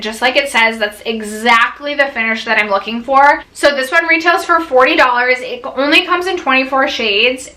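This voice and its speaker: A young woman reviewing beauty products in a chatty, gushing way, her sentences full of "like". Her voice sits a little high and sounds bright and forceful. She talks the way a vlogger does to her regular viewers. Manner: chatty, gushing, filler-heavy.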